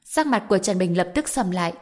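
A woman reading a web novel audiobook in a steady, even narration. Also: lowish voice, fast talker.

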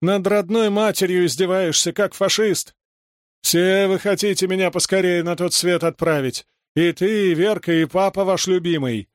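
A man voicing an overworked village mother who complains bitterly and shouts in panic at her children. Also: fairly even intonation, moderate pace, no echo, studio quality, close to an everyday voice. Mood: frantic shouting. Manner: shrill, self-pitying, shouting. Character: harried overworked village mother, shrill and frantic.

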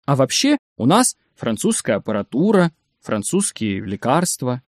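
A man's voice: mid-range voice, big pitch swings, measured pace, no echo, studio quality. A man voicing a cautious, pudgy male clinic director in a story reading. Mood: guarded. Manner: cautious, guarded. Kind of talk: audiobook character reading.

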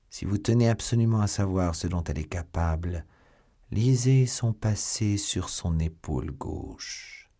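A man's voice: fairly low pitch, dark tone. A man voicing Aramis, a refined poet musketeer. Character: refined, self-assured male musketeer poet.

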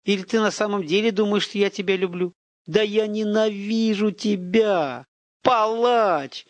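A man reading an audiobook voices a scornful young woman who mocks and shouts with bitter contempt. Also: sits high, dry recording, voice pushed up, natural voice. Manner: mocking, contemptuous, shouting at times.

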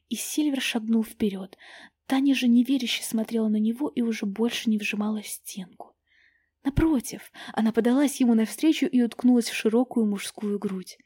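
A woman reads a romantic story aloud in a hushed, half-whispered voice. Her tone is mellow and breathy, set a little high. The recording is close and dry. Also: no echo. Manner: hushed, often whispered reading. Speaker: audiobook narrator. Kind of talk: storybook narration.

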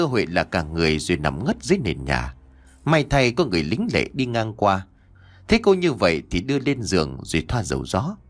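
Brief: male storyteller, ghost story narration, lively swinging intonation. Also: fairly low pitch. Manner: dramatic, expressive reading.

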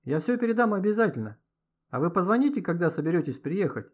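A man voicing an excitable schoolboy shouting into a phone, in a children's storybook reading. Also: sits high, fast talker, pitched above the performer's own voice. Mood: eager, loud. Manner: shouting eagerly. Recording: dull lo-fi audio.

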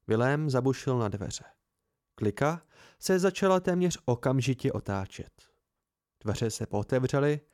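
A man calmly narrating a first-person novel as an amateur audiobook reader. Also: mid-range voice, dry recording, clean studio sound. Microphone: home recording.

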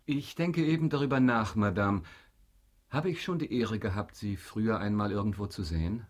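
An actor playing a mysterious, courtly count in a German radio drama, with deliberate, insinuating politeness. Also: male voice, fairly low pitch, natural voice. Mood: probing, polite.

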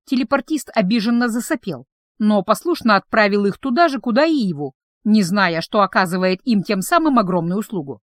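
A woman reading a fantasy story aloud as narrator, in calm, even storytelling. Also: medium pitch, brisk, no room sound, studio quality. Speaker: audiobook narrator. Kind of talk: scripted narration.

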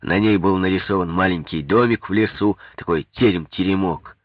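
A man's voice: sits low, moderate pace, dry recording. A man narrating an audiobook in the first person, subdued and brooding.

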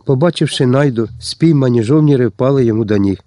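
A man narrating an audiobook in a measured, even reading. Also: medium pitch, dry recording, studio quality. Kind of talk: scripted narration.

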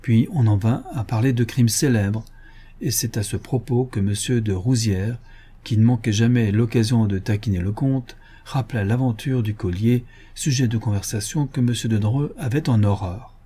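A man narrating a classic detective story in a measured, even storytelling manner. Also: medium pitch, breathy edge. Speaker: audiobook narrator. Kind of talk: scripted literary narration.

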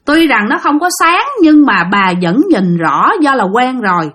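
Woman storyteller, Southern Vietnamese accent, chatty and direct with listeners, fairly high and lively. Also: unhurried. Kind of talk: spoken ghost-story telling.

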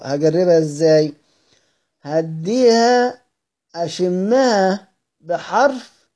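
A man's voice: fairly high pitch, dark tone. A man with an Egyptian accent giving a study-circle lecture on Quran readings. He asks himself questions, answers them, and repeats the key phrases. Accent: Egyptian Arabic.

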